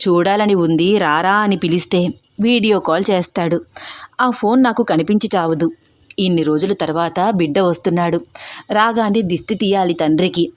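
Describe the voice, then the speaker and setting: A woman's voice: fairly low pitch, moderate pace, no echo, clean studio sound, natural voice. A woman voicing a fussy, doting old grandmother who scolds her husband affectionately. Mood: eager.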